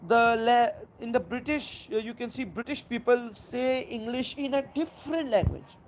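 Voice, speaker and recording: Halting Pakistani-accented live streamer, emphatic in bursts. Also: medium pitch, a little hiss or hum. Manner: halting, repetitive, with searching pauses and emphatic bursts. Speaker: live stream host replying to a viewer. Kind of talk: unscripted religious argument to viewers.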